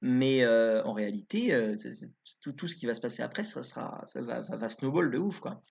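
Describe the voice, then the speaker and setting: A chatty, informal man talks through game cards in a casual YouTube review, thinking aloud as he goes. His voice sits at an everyday middle pitch. The recording is somewhat dull and lo-fi. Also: animated, a little fast, gravelly, darkish tone. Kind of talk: casual card review commentary.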